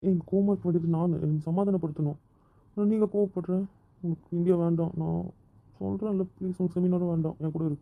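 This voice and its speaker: A man's voice: sits high, steady tone, fast talker, creaky, phone-quality sound. A man playing a hurt, sulking husband who stubbornly refuses to talk in a family skit. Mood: pleading. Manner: sulky, repetitive, stubborn.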